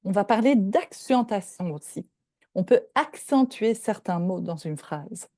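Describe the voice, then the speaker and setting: A woman's voice: mid-range voice, expressive, measured pace, dark tone, no room sound, clean studio sound. Older woman giving a lecture. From Belgium. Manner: explanatory, checks in with "d'accord?". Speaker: professor giving a talk. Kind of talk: lecture presentation.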